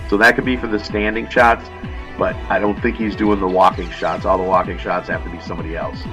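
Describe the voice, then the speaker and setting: Guy with a lowish voice rambling thru a funny story on a podcast, music going loud in the back. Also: little pitch movement, brisk. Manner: rambling storyteller, laughs at own jokes. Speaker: podcast co-host. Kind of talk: casual chat.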